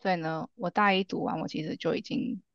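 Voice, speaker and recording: Young woman podcast co-host, gravelly low voice, relaxed, slightly dull lo-fi recording. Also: a little fast, no echo. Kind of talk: casual podcast chat.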